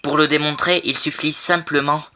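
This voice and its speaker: A man reading as an earnest young defense lawyer in a game, stumbling over his words. The tone is bright. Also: a little high, flat delivery, normal speed. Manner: stammering, hesitant.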